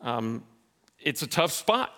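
A man preaching a sermon in a church in a conversational, animated way, acting out dialogue. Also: medium pitch, takes it slowly. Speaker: pastor.

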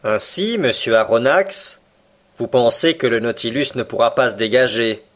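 A cool, commanding sea captain, read by a man, who speaks slowly and with quiet irony. His lines are measured and deliberate, as in a storybook reading. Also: medium pitch, lightly acted. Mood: cool, ironic. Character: calm ironic male submarine captain, commanding. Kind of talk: audiobook character reading.

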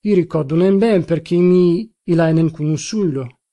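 A man's voice: fairly high pitch, close to an everyday voice. A man doing a drunk Turinese cousin, slurring. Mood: insistent. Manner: shouting, slow and slurred. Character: drunk shabby middle-aged Turinese man, stubborn. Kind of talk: audiobook reading.

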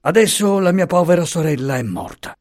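A man voicing a placid, slow-witted old bachelor uncle with a deep, solemn, wheezy voice, speaking slowly and pausing to find words. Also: lively intonation.

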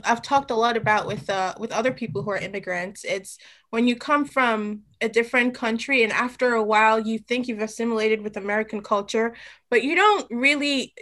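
A woman's voice: fairly high pitch, sharp tone. A woman from Nigeria, hosting an interview, reflecting on her own experience and asking open questions. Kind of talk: conversational interview.

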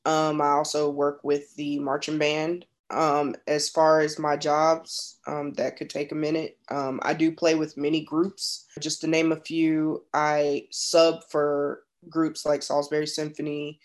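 A woman with a very deep voice introduces herself in a chatty way, with frequent ums. She speaks over a video call. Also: completely flat delivery, a little slow, few pauses. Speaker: college professor, musician.

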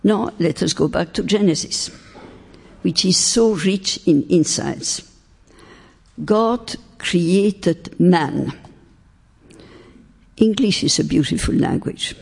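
Lecturing in a hall on faith and philosophy, an older native French speaker uses a fairly low, creaky, slightly mellow voice with a breathy edge. Her delivery is deliberate and emphatic, with key words drawn out. The recording carries long reverb from the hall.

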